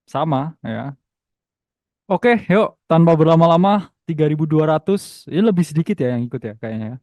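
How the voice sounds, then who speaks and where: A man's voice: on the high side, sing-song, normal speed, a little mellow, no echo, lo-fi sound. Chatty young Indonesian man teaching a webinar. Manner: chatty, teasing, reads chat aloud, many tag "ya". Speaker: webinar host and trading teacher. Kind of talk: casual online webinar lecture.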